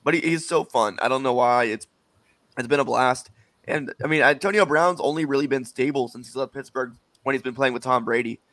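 Fast-talking man with a hoarse voice. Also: medium pitch, fairly bright tone, no room sound. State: hoarse, worn-out voice. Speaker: podcast co-host. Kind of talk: casual chat.

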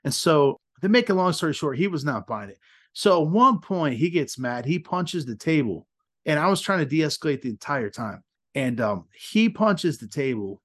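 A lively male podcast host in his thirties with a fairly high voice, telling stories in a relaxed, chatty way. He laughs often and acts out the lines of the people in his story. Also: normal speed. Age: 30s. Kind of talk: casual storytelling in an interview.

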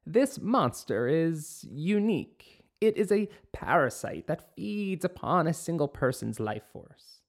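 Old witch voiced by a man, mysterious and kind, slow grave delivery, pitched up. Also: sing-song, full character voice. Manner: slow solemn warnings. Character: old witch woman, wise, mysterious, compassionate.

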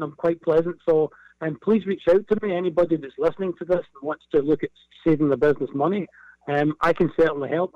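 A man with a broad Scottish accent talks as an interview guest in a fairly high voice. He chats conversationally and doubles back on words for emphasis. The sound is dry and a little dull, like a lo-fi call. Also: dry recording. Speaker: business guest.

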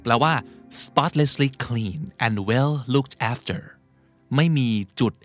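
A Thai man hosting a vocabulary lesson, explaining words in a chatty, unhurried way and acting out example lines. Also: mid-range voice, no echo, soft background music. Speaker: podcast host teaching English vocabulary. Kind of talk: casual teaching monologue.

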